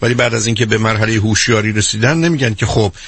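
A man with a fairly low, husky voice explains hypnosis as an interview guest. He lectures steadily and walks through worked examples. The recording is dry, with no room sound. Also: a bit bright, no room sound.

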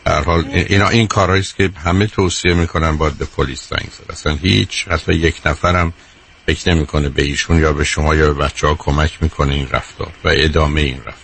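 A man hosting a call-in advice show on radio, calm and firm, addressing the caller as dear. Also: very deep voice, creaky, a little hiss or hum.

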